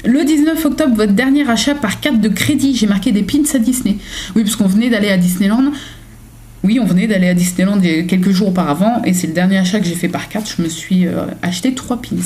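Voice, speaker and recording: A woman's voice: mid-range voice, brisk, a little mellow. A young woman chatting casually on her home vlog, reading daily journal questions and answering them with lots of fillers and self-mocking asides. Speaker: vlogger.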